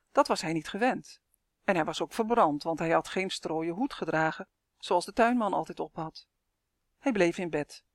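A woman reading her own children's fairy tale aloud, with clear, lively storytelling and voiced characters. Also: on the low side, no room sound, studio quality.

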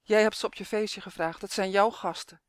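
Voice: medium pitch, fairly even intonation, fairly quick, no echo, clean studio sound, close to an everyday voice. A storyteller voicing a shy, anxious young boy in a children's story, earnest and apologetic. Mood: ashamed.

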